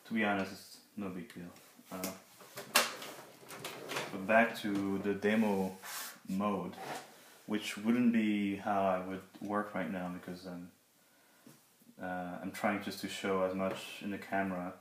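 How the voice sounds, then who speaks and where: A man's voice: low-pitched, flat delivery, takes it slowly, long pauses. A man giving a casual, unscripted product review, speaking hesitantly and a little awkwardly through a sore mouth after dental surgery. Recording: roomy echo, background hiss and clicks.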